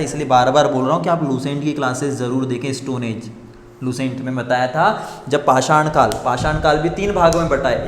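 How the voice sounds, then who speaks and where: A man in a classroom gives an exam coaching lecture, posing questions and answering them himself, hammering key points through repetition. His voice sits a little high, and it rings with a long, roomy reverb. A faint hum of ambience runs underneath. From India. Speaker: teacher.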